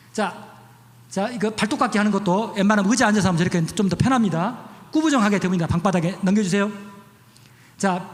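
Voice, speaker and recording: A middle-aged male pastor giving a chatty, demonstrative health talk in church, repeating short instructions as he goes through slides. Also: sits high. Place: church hall. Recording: echoey church hall.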